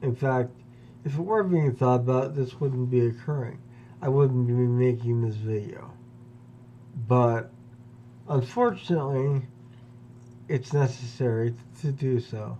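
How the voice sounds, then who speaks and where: A man in his fifties from Pennsylvania, speaking a slow, deliberate personal monologue with long pauses. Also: mid-range voice, dark tone, highs cut off, slight background noise. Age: 50s. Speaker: vlogger.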